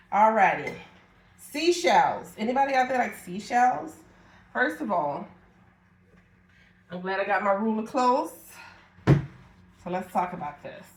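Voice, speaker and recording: Chatty middle-aged woman, echoey room. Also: mid-range voice. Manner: chatty and playful, talks straight to viewers. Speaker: online reseller running a live auction. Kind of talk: casual live-selling chat.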